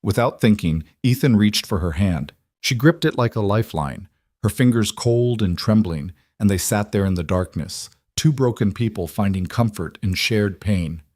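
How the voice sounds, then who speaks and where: Low-voiced male story narrator. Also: lively intonation, moderate pace, a little mellow, no echo, clean studio sound. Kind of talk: scripted narration.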